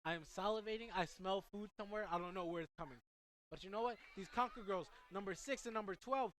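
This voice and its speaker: A teenage high school student doing excitable play-by-play commentary at a soccer game, rambling into asides for his listeners and out of breath. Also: fast, slight background noise. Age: teens.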